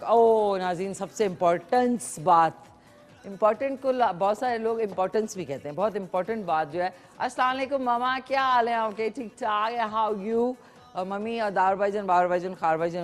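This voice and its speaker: A woman from Pakistan hosting a live morning cooking show, chatty and playful, slipping English phrases into her talk. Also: fairly low pitch.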